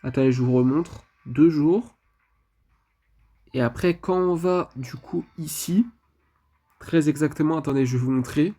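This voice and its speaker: A man's voice: fairly high pitch, unhurried, long pauses, mellow, soft background music. A man giving casual commentary over his mobile game match, chatty and leaning on filler phrases. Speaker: mobile game channel host.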